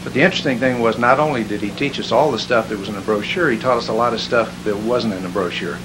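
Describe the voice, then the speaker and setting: A man telling a seminar testimonial as an animated storyteller who chuckles at his own jokes. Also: mid-range voice, fast talker. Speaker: seminar attendee giving a testimonial. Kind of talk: spoken testimonial. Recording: hissy background noise.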